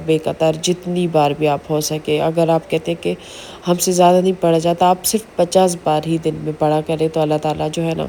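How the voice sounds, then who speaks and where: A woman vlogging in a chatty, earnest way about faith, with many pauses and fillers. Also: low-pitched, warm tone, a little hiss or hum. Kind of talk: casual religious advice vlog.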